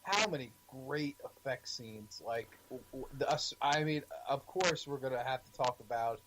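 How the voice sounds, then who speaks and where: Mid-pitched man, eager halting film chat. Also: noisy background. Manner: enthusiastic, halting, searching for words. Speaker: podcast co-host.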